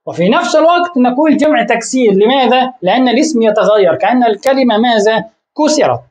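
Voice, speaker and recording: A woman teaching an Arabic grammar lesson, often pausing to quiz her listeners with rhetorical questions and repeating words while she searches for the next one. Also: on the high side, animated, a little mellow, low-quality recording. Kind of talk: classroom-style grammar lesson.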